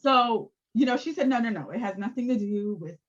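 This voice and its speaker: A woman co-hosting a casual recap chat, animated and laughing often as she acts out quotes. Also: fairly high pitch, fairly quick, lo-fi sound, slight background noise. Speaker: podcast co-host.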